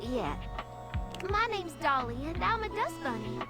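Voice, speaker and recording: A sweet, sassy little dust bunny lady with a Southern American drawl who calls everyone honey. Her voice sits high and swoops up and down with lively expression. It comes from a game, with music playing behind. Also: a little slow, exaggerated voice. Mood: folksy. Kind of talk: video game voice acting.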